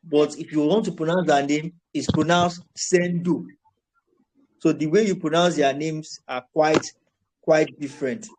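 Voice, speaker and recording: A man's voice: on the high side, steady tone, moderate pace, noisy background. A man teaching a live voice-chat class. He coaxes and corrects his students and often restarts his phrases. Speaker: tutor.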